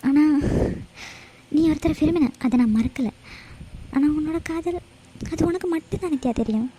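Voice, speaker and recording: A woman's voice: high voice, moderate pace, mellow, lightly acted, poor audio. A woman voicing a young cartoon friend who scolds and worries in an exasperated way. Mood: scolding. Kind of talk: cartoon voice acting.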